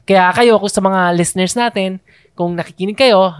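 Chatty Filipino podcast co-host. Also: male voice, high voice, moderate pace, smooth, no room sound, clean studio sound. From Philippines. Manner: chatty, mixes English into Tagalog, many fillers and restarts. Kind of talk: casual podcast chat.

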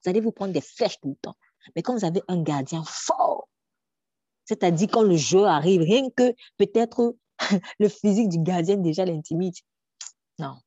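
A woman delivers a sermon in a low, dark, mellow voice, driving her points home with rhetorical questions and repetition. She sometimes sinks to a near whisper. The recording is dry and somewhat dull. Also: normal speed, no echo. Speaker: preacher.

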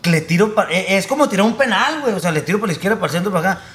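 This young man, a producer and director with a Mexican Spanish accent, chats casually as a podcast guest in a rambling, slangy way, laughing often. His voice sits high and is rapid-fire, with lively intonation and a fairly bright tone.

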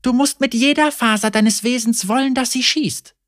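A man's voice: extremely high pitch, moderate pace, fairly bright tone, dry recording, studio quality, voice pushed up. A man reading a story aloud and voicing a young woman who teases and firmly instructs her lover. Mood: teasing instructive. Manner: playful yet firm, instructing. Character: teasing, commanding young woman, a gunfighter's lover.

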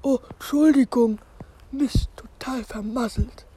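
Lazy, smitten cactus boy, voiced by a woman for a fan audio drama: high-pitched, slow, sulky, stumbling over answers. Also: dark tone, breathy edge. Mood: excited, moping. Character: lovestruck lazy young male cactus schoolboy.

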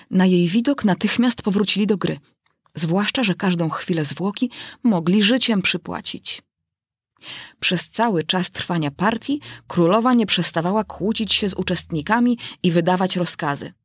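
A woman narrating a classic children's story in a measured, expressive audiobook reading. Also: medium pitch, slightly rough, dry recording, clean studio sound.

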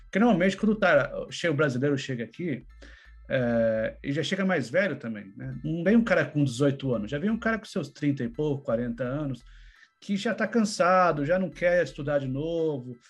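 A man's voice: a little high, animated, fairly quick, faint music behind. A man interviewing casually, speaking bluntly and informally with swear words.

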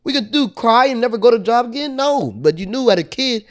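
A man's voice: extremely high pitch, fairly quick. A young man co-hosting a podcast, telling stories in casual, profane chat. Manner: animated, profane storytelling. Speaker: podcast co-host.

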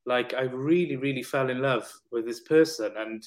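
A man who works as a personal trainer and counsellor appears as a podcast guest, candidly telling a personal story with open emotion, casual swearing and many restarts. His voice is mid-range and moderately paced.

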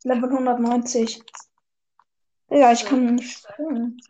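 Woman gamer, high voice, slangy and teasing, casual play-along chatter. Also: level tone, a little slow, warm tone, muffled recording, slight background noise. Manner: slangy, teasing, laughs often. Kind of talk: casual gaming chat.

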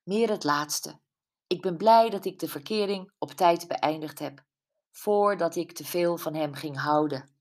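A woman's voice: lowish voice, measured pace, darkish tone. A woman voicing Brenda, a candid, self-mocking friend, in an audiobook. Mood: rueful. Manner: wry, emotional, tearful at times. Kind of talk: audiobook character voice.

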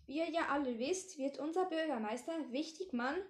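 A friendly schoolteacher explaining a task to her pupils, as a woman reads her lines. The voice is high and clear, read plainly, and has a noticeable room echo. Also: moderate pace, natural voice.

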